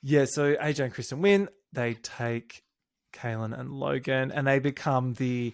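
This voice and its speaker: A man's voice: medium pitch, a little slow, creaky. A man co-hosting a podcast, recapping a reality show in camp, gossipy casual chat. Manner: camp, gossipy, quotes people in put-on voices. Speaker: podcast co-host.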